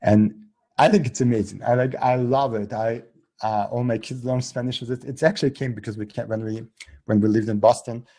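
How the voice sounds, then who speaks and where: A middle-aged man born in Russia and raised in Israel, a guest talking casually in halting English full of restarts. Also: mid-range voice, steady tone, warm tone. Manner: halting non-native English with many restarts. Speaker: podcast guest, app co-founder. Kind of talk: casual interview talk.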